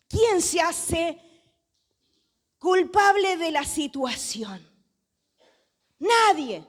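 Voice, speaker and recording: High-voiced Argentine woman preaching. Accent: Argentine Spanish. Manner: lively storytelling with rhetorical questions to the congregation. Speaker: pastor. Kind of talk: sermon.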